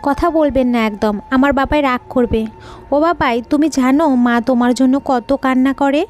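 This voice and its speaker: A woman's voice: high-pitched, moderate pace, darkish tone, faint music behind, lightly acted. A woman doing a tearful pleading little girl. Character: grieving little girl calling her father.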